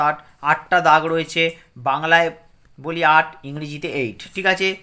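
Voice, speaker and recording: A man with a West Bengal accent leads a reading lesson for small children. His voice is bright and sits a little high. He spells words out slowly, one syllable at a time. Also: smooth. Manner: slow syllable-by-syllable spelling aloud. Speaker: primary school teacher.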